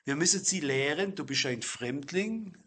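A middle-aged man preaching a sermon, speaking straight to the congregation and slowing down to stress key phrases. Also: a little high, expressive, pushed and bright, slightly rough. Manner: addresses listeners directly, emphatic with slow stressed phrases.

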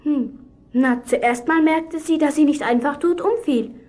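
A woman's voice: sits high, measured pace, darkish tone. A woman acting a young girl in a children's radio play, earnestly retelling a Bible story to a boy.

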